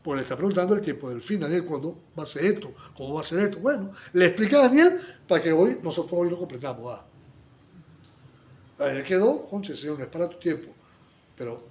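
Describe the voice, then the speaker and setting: A man preaches a Bible study in a high voice. His pitch leaps all over the place, and he acts out little dialogues, swinging from loud exclamations to quiet asides.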